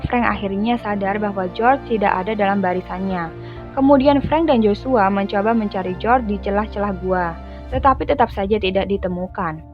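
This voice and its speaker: A woman reading a scripted film plot recap in an even storytelling manner. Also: medium pitch. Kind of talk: scripted narration. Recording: dull lo-fi voice-over with music.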